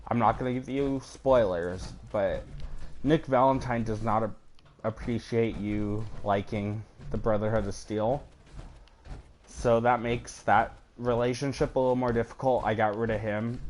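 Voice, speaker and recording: Let's play host, man with a lowish voice, loose rambling chatter, faint hum behind. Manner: rambling, loose, swears offhandedly. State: has the hiccups. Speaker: gaming channel host. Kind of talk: casual let's play commentary.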